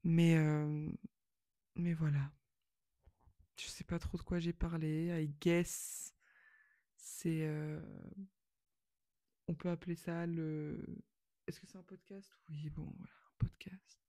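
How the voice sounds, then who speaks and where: A woman's voice: low voice, level tone, slow pace, pauses often, warm tone, no echo. A woman in her twenties talking to camera in a casual, rambling and self-mocking monologue that slips in English phrases. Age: 20s. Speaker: vlogger.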